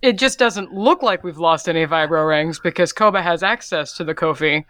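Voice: mid-range voice, moderate pace, fairly bright tone, no echo. A player making wry, dry remarks during casual banter at a tabletop game. The voice is recorded close and dry, with no room sound.

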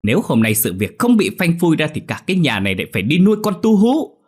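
A man voicing a cruel, furious middle-aged mother-in-law who screams abuse in a shrill voice. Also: huge pitch swings, fast, slightly rough, full character voice. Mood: furious screaming.

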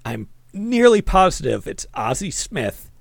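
A man co-hosting a casual movie-review podcast, animated and quick to react. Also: sits high, creaky, no room sound, clean studio sound. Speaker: podcast co-host.

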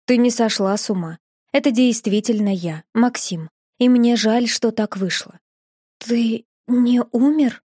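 A woman voicing a gentle, remorseful young man who speaks softly and tenderly in an audiobook. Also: on the high side, measured pace, breathy edge, dry recording, clean studio sound. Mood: earnest. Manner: soft, quiet, tender.

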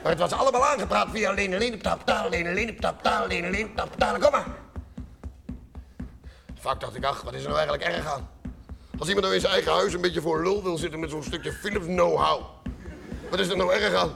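High-voiced, gravelly male comedian, rhythmic chant-like monologue. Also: animated, fairly quick, long pauses, music in the background. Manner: rhythmic, repeats chant-like sounds. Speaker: cabaret performer. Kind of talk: comic stage monologue.

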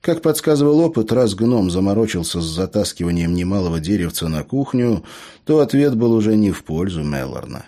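A male audiobook narrator with a fairly low voice, reading a fantasy story from a script. His telling is expressive, and his pitch rises and falls a lot through the sentences. The narration carries the scenes clearly and with plenty of movement. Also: fairly quick.

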